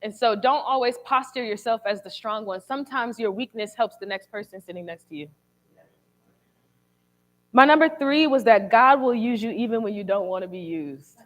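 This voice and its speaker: A woman's voice: a little high, moderate pace. A young woman speaking candidly and conversationally to a church congregation, sharing a personal testimony with casual slang.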